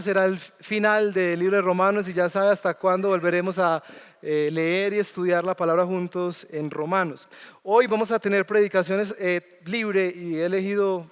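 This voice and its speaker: Male pastor, smooth high voice, conversational sermon, reverberant church hall. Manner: conversational preaching with questions to the congregation. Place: church sanctuary.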